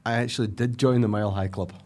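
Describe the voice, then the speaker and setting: A man's voice: on the low side, fairly even intonation, quick pace, a little mellow. A man with a cold making dry, teasing remarks in casual podcast banter as a co-host. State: has a cold.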